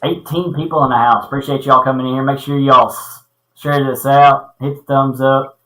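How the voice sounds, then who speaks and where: A man co-hosts a casual fishing livestream from a small basement corner room, greeting viewers and teasing friends in a laid-back, friendly way. His mid-range voice is steady, fairly bright and moderately paced, but the reverberant, poor audio makes him sound hollow, as if speaking through a pipe.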